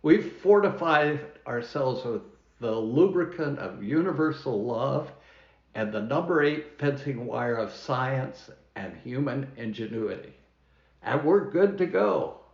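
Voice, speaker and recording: A man who is a minister, preaching a sermon in a church, telling a story in a measured way with dramatic pauses, with a New Zealand accent. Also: mid-range voice, lively intonation, creaky. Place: church hall. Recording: roomy, dull church recording.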